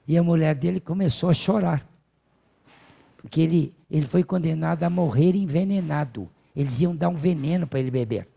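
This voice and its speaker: A man with a Brazilian accent giving a spiritist lecture, telling stories in a casual, animated way. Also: on the high side, gravelly, breathy edge. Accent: Brazilian Portuguese. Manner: animated, colloquial storytelling with acted quotes.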